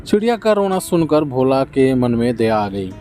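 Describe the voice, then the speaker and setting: A man narrating a children's folk tale in a gentle, steady scripted storytelling manner. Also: medium pitch, normal speed, soft background music.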